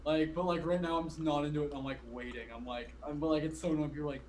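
A young man about twenty, guesting on a podcast, chats rapid-fire in a voice on the high side, steady in tone and a little mellow. He rambles, fills gaps with filler words, and cuts himself off mid-sentence. It's a video call from his bedroom, with slight background noise.

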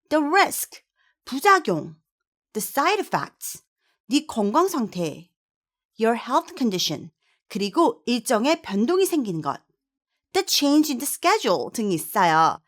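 Female tutor, fairly high, animated, cheerful, unhurried lesson delivery. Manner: playful and energetic, quizzes the viewer. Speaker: English teacher. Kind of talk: online English lesson.

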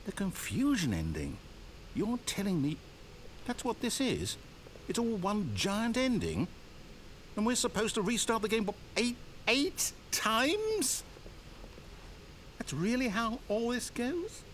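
A man with a British accent voicing a dry, wry game narrator in measured, articulate tones. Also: high-pitched, huge pitch swings, slight background noise, exaggerated voice. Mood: incredulous.

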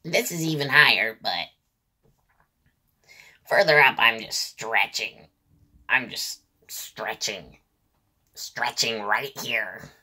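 A man putting on a squeaky helium voice, straining to stretch it ever higher. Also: slow, pauses often, sharp tone, husky, full character voice. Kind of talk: voice demonstration.

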